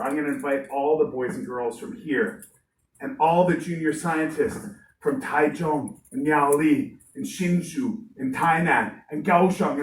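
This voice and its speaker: A woman teacher telling a lively story to children in a classroom, playing up the characters' voices. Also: low-pitched. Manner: lively, animated, playful voices. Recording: roomy room, distant mic, faint noise.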